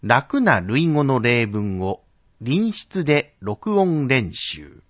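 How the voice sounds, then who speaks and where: A man's voice: mid-range voice, sing-song, very slow, dry recording, lo-fi sound. A man leading a pronunciation drill as a teacher, carefully enunciating each syllable one at a time.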